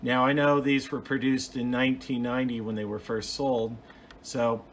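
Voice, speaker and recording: Medium in pitch, the man's voice carries a plain-spoken, methodical, hands-on explanation typical of an informal hobbyist video. A phone off camera captures it at home, adding a bit of hiss or hum.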